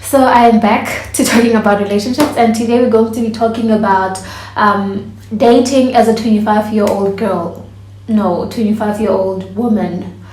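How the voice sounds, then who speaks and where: A woman's voice: mid-range voice, steady tone, normal speed, darkish tone, a little hiss or hum. A woman, chatting casually to camera as a vlogger and laughing often. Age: 20s. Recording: echoey room.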